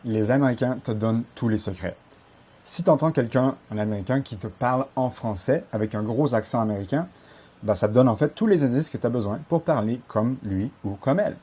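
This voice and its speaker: A man's voice: medium pitch, a little fast, dark tone, slightly rough. A man teaching a pronunciation lesson as a language coach, patiently explaining and repeating sounds to demonstrate them.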